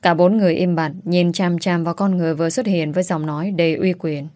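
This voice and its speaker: A woman narrates a romance audiobook in a steady, dramatic storytelling manner. Her voice sits on the low side, and the recording is close and dry with no room sound. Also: fast talker, dry recording.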